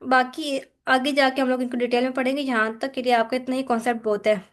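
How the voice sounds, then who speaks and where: High-voiced Pakistani woman teaching phonetics. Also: level tone. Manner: mixes Hindi-Urdu with English terms, repeats "ठीक है", slows to spell out examples. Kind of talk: lecture explaining slides.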